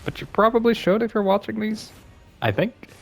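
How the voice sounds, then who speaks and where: Gravelly young guy narrating his gameplay. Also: sits high, lively intonation, moderate pace. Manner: apologetic, self-deprecating, chatty. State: worn out. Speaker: gaming YouTuber. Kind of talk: casual gameplay commentary.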